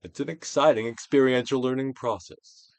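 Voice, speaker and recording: With the polish of a trained stage actor, a man dramatically reads from a self-help book, stretching phrases into big swells before dropping to near-whispers. His voice is medium in pitch with fairly even intonation, emphatic throughout, in a dry recording.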